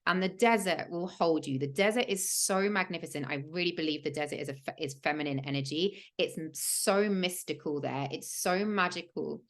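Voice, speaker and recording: A woman's voice: sits low, normal speed, few pauses. A woman, hosting a livestream and telling a personal story in an earnest, emphatic way with many "like" fillers. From England. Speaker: host of a spiritual podcast.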